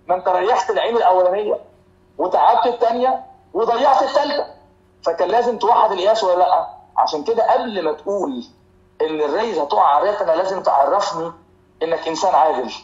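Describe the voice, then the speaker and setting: A man with an Egyptian Arabic accent gives a lively medical lecture in a hall, teasing students and drilling terms by repetition. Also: sits high, muffled recording.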